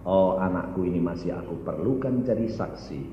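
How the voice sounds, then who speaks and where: Gentle fatherly God, as a preacher quotes him. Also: high-pitched, sing-song, normal speed, noisy background, pitched above the performer's own voice. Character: God speaking gently to a believer, fatherly male. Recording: echoey hall, dull sound.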